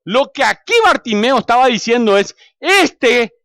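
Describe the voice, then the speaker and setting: A man preaching with a Paraguayan accent, his voice pitched high for a man. He tells his stories with animated swings, rising loud and then dropping to a hush, and puts questions to his listeners. The sound is close and dry, with almost no room echo. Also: moderate pace. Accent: Paraguayan Spanish. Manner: animated storytelling, swings from loud to hushed, asks the congregation questions. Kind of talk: sermon.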